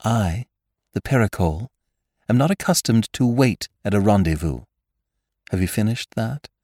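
A man's voice: lowish voice, expressive, normal speed, dark tone, no echo, studio quality. A man reading aloud gives voice to a proud, imperious stage actress who gives orders in a haughty, commanding way. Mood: scornful.

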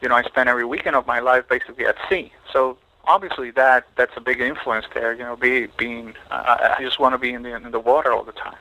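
A middle-aged Puerto Rican photographer, interviewed on a podcast, thinks aloud slowly with many restarts and fillers. His mid-range voice is crisp, bright and steady, on a rough recording.

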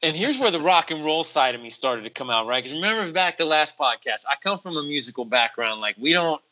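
Bright-voiced man telling a rambling story. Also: fairly high pitch, a little fast, low-quality recording. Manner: animated, acts out quotes in raised voices; rambling with many fillers and restarts. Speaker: podcast guest, musician and voice actor. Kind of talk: casual storytelling chat.

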